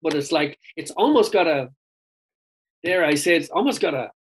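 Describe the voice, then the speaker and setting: A man's voice: fairly high pitch, animated, normal speed, husky, low-quality recording. A man, a singer being interviewed, talking in a chatty, rambling, casual way and often saying "dude". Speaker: guest singer. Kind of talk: casual chat.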